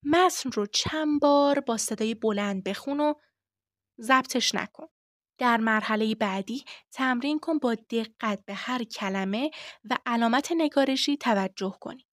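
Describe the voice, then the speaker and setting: A woman's voice: fairly high pitch, no room sound. A dry-voiced woman teaching voice work. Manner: clear, instructive, step-by-step. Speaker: voice-acting teacher. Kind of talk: podcast lesson.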